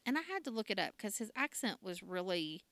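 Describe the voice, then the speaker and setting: A woman's voice: mid-range voice, big pitch swings, brisk, a bit bright, no room sound. A woman, casually recapping a TV drama episode and laughing often. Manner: chatty, laughs often, acts out quotes. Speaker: podcast co-host recapping a TV drama. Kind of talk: casual chat.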